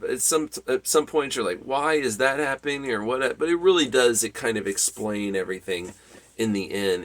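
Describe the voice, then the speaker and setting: A man giving a casual, rambling movie review, full of ums and restarts, with lively enthusiasm. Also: lowish voice. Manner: rambling, many fillers and restarts.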